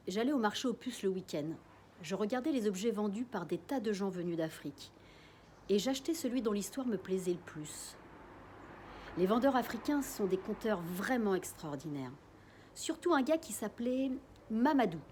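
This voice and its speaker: A woman's voice: medium pitch, animated, moderate pace, darkish tone, a little hiss or hum, lightly acted. A woman voicing an old male neighbor who wheezes and tells stories in a wistful, rambling way. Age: older. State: wheezing, short of breath.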